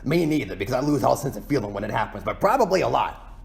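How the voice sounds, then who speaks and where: A man voicing a self-pitying, boastful cartoon penguin king in a folksy, rambling ASMR roleplay monologue, with a gravelly, creaky voice. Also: mid-range voice, big pitch swings, quick pace. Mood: glum, complaining.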